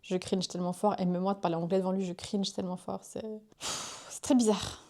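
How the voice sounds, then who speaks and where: A woman's voice: medium pitch, level tone, brisk, a little mellow. A young woman, pregnant, chatting casually to her viewers in a rambling, self-interrupting way. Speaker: vlogger. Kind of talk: casual chat to camera.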